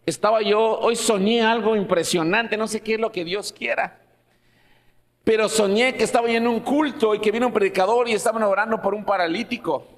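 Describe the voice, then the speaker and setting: High-voiced pastor preaching. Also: male voice. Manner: earnest, slows down on key phrases with restarts. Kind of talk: sermon. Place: church hall. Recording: long church-hall reverb.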